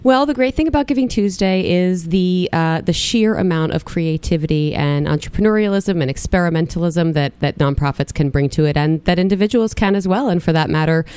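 A woman's voice: fairly low pitch, a little fast, hardly any pauses, darkish tone, clear, resonant tone, no echo. A woman guest being interviewed in a studio, her voice scratchy from a recent illness, explaining at length with frequent fillers. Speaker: podcast guest.

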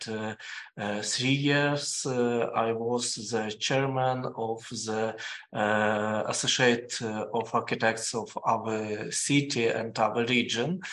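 A man in his forties with a Ukrainian accent, an architect speaking as a guest in a halting way with many pauses and fillers over a video call. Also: mid-range voice, fairly bright tone. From Western Ukraine. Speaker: architect and associate professor, guest.

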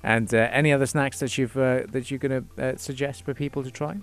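A male interviewer speaks conversationally at a middling pitch, feeling his way through questions with halting phrasing. Faint music plays behind his voice. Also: fairly even intonation, smooth. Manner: hesitant phrasing, frequent pauses mid-sentence. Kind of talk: conversational radio-style interview.

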